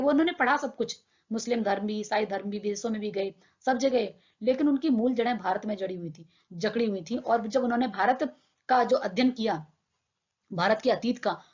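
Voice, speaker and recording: A young woman teacher explaining a textbook lesson in plain words, asking her own questions and answering them. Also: medium pitch. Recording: dull lo-fi sound.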